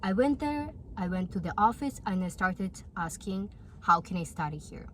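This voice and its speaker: A vlogger from Russia in her twenties, whose first language is Russian and who has a Russian accent, gives a casual, earnest and encouraging talk to the camera. Her medium-pitched voice has lively intonation and a moderate pace, and the audio carries a little hiss or hum.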